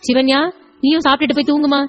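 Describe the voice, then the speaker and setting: Caring older grandmother, gently scolding, read by a woman. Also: high voice, little pitch movement, racing, faint music behind, voice pushed up, lightly acted. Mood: fussing.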